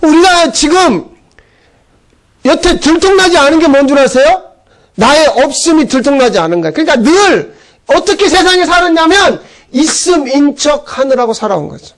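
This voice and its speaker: A middle-aged male pastor giving a conversational sermon, chatty and animated, acting out voices as he goes. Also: extremely high pitch.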